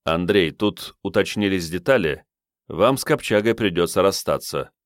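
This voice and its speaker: A man's voice: deep voice, expressive, moderate pace, dry recording, clean studio sound. A man voicing a middle-aged unit chief, firm and barking orders.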